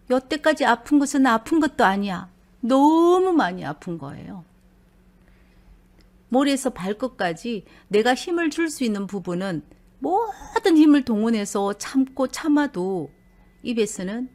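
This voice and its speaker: A middle-aged woman, telling a personal story and acting out what her husband and brother said. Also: on the high side. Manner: animated, acts out husband and brother in dialect.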